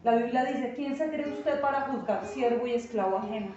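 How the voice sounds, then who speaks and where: A woman's voice: fairly high pitch, normal speed. A woman pastor, giving an earnest, emphatic sermon and acting out quoted voices. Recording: distant, echoey, dull church sound with guitar.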